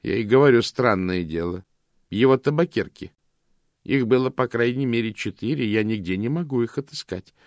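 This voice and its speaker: A stern, gloomy older housekeeper, as a male reader puts her on, grumbling and mournful. Her voice is pitched well above his own and sounds dry and close. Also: expressive, moderate pace, dry recording, close to an everyday voice.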